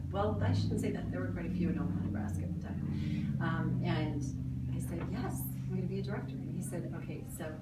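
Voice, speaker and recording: A middle-aged woman telling a personal story to an audience, animated and laughing through it. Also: lowish voice. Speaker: motivational speaker. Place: studio event room. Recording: echoey room from a distance, noisy.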